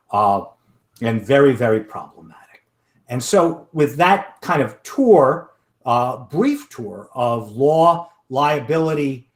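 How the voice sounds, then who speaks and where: A man giving an online talk and then answering audience questions from the chat, with frequent fillers and restarts. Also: medium pitch. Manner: halting, many fillers and restarts. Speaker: webinar presenter. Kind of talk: lecture with audience Q&A.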